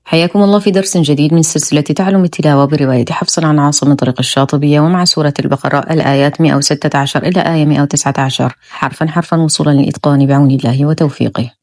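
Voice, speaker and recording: Calm low-voiced woman teaching recitation. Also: dry recording, clean studio sound. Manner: calm, methodical, demonstrates sounds slowly then explains. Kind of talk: slow, careful tajweed lesson.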